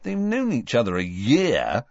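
A man's voice: mid-range voice, wildly swooping pitch, a little slow, darkish tone, no echo, lo-fi sound, full character voice. A man voicing a defensive teenage boy in a raised, irritated tone.

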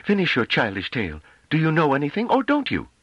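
A man's voice: a little high, wildly swooping pitch, fast talker, fairly bright tone, slightly rough, no room sound, muffled recording, pitched above the performer's own voice, full character voice. A man reading an audiobook, voicing a scornful, impatient woman on a ruling council who talks in a mocking, dismissive way. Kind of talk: audiobook character voice.

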